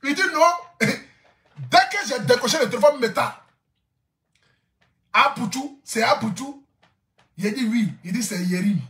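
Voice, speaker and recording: A man's voice: extremely high pitch, unhurried, long pauses, fairly bright tone, roomy sound. A man telling a story to camera, laughing often and repeating lines for effect. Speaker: social media influencer.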